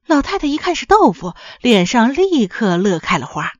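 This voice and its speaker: A woman tells a folk story with a lively, swooping pitch and an expressive, sing-song delivery. Her voice is close and dry, and the recording sounds a little dull and muffled. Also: moderate pace, dry recording. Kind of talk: storybook narration.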